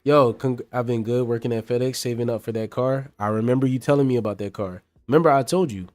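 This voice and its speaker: A man's voice: mid-range voice, fast, darkish tone. A man on a casual live stream, reading pages aloud and chatting with viewers by name.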